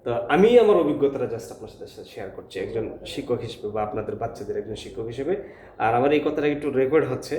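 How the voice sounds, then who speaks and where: A man's voice: medium pitch, darkish tone. A male English teacher speaking informally to parents, hesitant, with many filler sounds, earnest. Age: adult with a school-age child. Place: classroom. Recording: echoey room, faint ambience.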